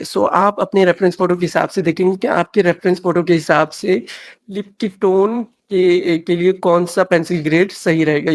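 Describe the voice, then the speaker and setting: A man's voice: high-pitched, no echo. A man narrating a drawing tutorial, switching between Hindi and English with many fillers and restarts.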